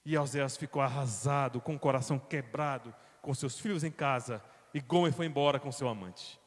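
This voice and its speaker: A man with a Brazilian accent, a pastor telling a Bible story in a sermon, dramatic, moving from quiet to loud. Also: mid-range voice, fairly quick. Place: church. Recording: long church reverb.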